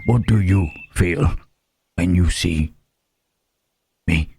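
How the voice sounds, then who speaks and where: A man voicing a gentle, melancholy, lonely monster in a halting, pensive ASMR roleplay, with formal wording and a husky, low voice. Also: slight background noise, full character voice. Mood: pensive, sorrowful.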